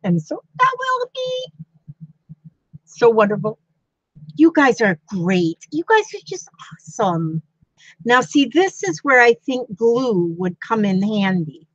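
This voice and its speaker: A woman's voice: a little high, big pitch swings, slow, fairly bright tone, no echo, lo-fi sound. Chatty older woman crafting on a livestream. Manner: chatty, gushing thanks to viewers with frequent gasps. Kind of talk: casual live-stream chat while sewing.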